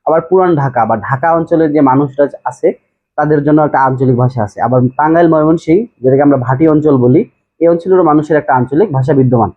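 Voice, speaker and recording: Husky-voiced male teacher from bangladesh, slightly high, patient explainer, lo-fi phone-like sound. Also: quick pace. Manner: explanatory, repeats key terms, checks understanding. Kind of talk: classroom lecture. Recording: tinny phone-like audio.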